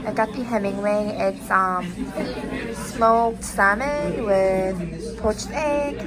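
A woman's voice: mid-range voice, takes it slowly, loud music behind the voice, a loud crowd. A young woman vlogging casually on a trip, chatty and laughing often. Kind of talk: casual travel vlog chat.

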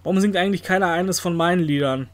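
A man's voice: high voice, fast talker. A man hosting a let's play, joking with the game characters and letting out silly exclamations. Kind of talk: playful gameplay commentary.

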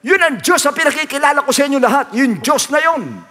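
High, bright-voiced preacher in a reverberant hall. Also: male voice, lively intonation, a little fast. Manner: repetitive, emphatic preaching mixing English phrases. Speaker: pastor. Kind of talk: sermon. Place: church hall.

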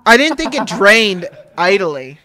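Giggly animated man streaming a game. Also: high-pitched, a little slow. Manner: giggly, animated, swears casually. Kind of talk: casual gameplay chat.

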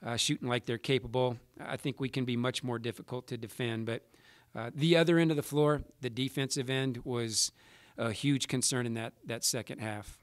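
A man in his forties, a basketball coach answering reporters after a game at a table mic, measured and halting with many restarts. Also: medium pitch, no room sound, clean studio sound. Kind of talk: post-game press conference answers. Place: press room with sponsor backdrop. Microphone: table mic in front.

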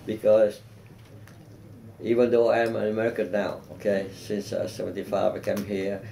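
Older South Vietnamese man, Vietnamese accent, low and mellow, earnest oral-history interviewee. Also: flat delivery, creaky, a little hiss or hum, poor audio. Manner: measured, earnest, with frequent restarts and "you know". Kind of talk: reflective interview answers. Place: office with bookshelf and plant. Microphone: seated, framed mid-shot by a camera.

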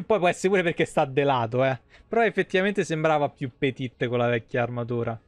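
With a brisk, mid-range voice and no echo around him, an Italian streamer offers rambling, informal game commentary. He sits in a small indoor streaming room, speaking close to a desk mic.

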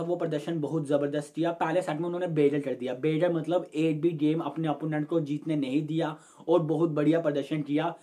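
A young man runs his own sports channel, chatting casually to camera from a room at home as he analyzes a match and calls his viewers friends. His voice is on the high side with a darkish tone, and he gestures with his hands while explaining.

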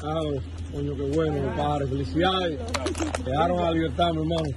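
A man's voice: fairly high pitch, fairly even intonation, brisk. Overjoyed man. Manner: overjoyed, tearful, repeating himself. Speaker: relative welcoming arriving rafters. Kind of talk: emotional phone video commentary. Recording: outdoor phone audio with crowd noise.

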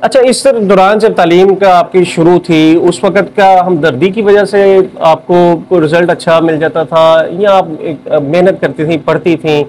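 A man's voice: high voice, steady tone, moderate pace, hardly any pauses, a little mellow, slight background noise, rough recording. A man in his thirties with a Pakistani accent, hosting a television interview on location. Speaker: TV host and interviewer.

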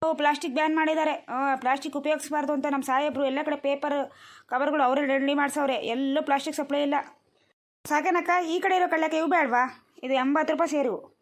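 A pushy, impatient peanut seller woman, put on by a woman in a comic cartoon, calling out prices. She talks fast and sits higher than a plain speaking voice. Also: steady tone, lightly acted. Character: brusque middle-aged female peanut seller.

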